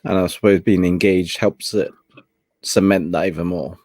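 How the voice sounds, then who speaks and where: A man's voice: low-pitched, fairly even intonation, moderate pace, a little mellow, no echo. A young man hosting a casual late-night chat, laid-back and laughing often as he talks. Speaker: host.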